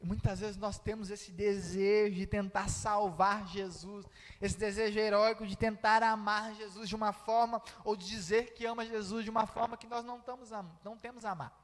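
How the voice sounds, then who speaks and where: In an echoing church hall, a Brazilian preacher with a Brazilian Portuguese accent explains a passage and performs its dialogue. He speaks at a moderate pace in a high, steady, somewhat bright voice.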